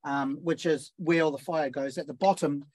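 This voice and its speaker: A man's voice: a little high, steady tone, normal speed, darkish tone, dry recording. A man from New Zealand, a barbecue chef, chatting casually and explaining cooking step by step with plenty of fillers. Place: outdoors at a barbecue.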